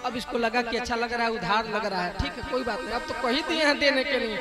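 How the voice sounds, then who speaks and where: A man preaching a devotional story sermon at a live religious gathering, with animated folksy storytelling and questions to the crowd. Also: extremely high pitch, quick pace. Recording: loud background music.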